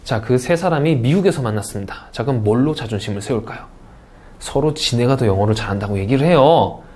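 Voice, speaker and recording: A man's voice: mid-range voice, animated, quick pace, darkish tone. A man from South Korea teaching an English speaking test course in an online lecture, often putting questions to his students and answering them himself.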